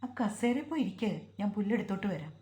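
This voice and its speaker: A woman voicing a young village husband who scolds his wife and then softens, in a roomy recording. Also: mid-range voice, lively intonation, fast, natural voice. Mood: soothing. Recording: roomy echo.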